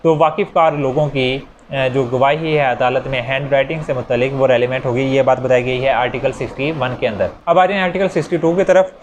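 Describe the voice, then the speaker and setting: A man with a Pakistani accent gives an explanatory law lecture with examples, slowly reading out the English legal terms he mixes in. His voice is mid-range with fairly even intonation, and the background noise is clear.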